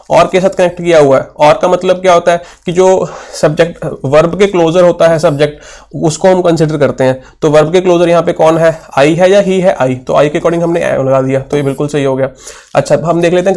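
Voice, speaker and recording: A man's voice: a little high, a little mellow. A young man teaching English for an exam, patiently explaining answers and asking and answering his own questions. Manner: mixes Hindi with English terms, reads questions slowly. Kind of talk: exam-prep lesson, solving questions aloud.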